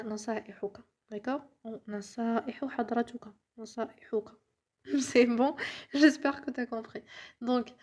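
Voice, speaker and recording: A woman with a fairly high, darkish voice gives a casual French lesson, switching to Arabic for explanations. Patient and encouraging, she often checks that the listener follows and sometimes whispers to model pronunciation.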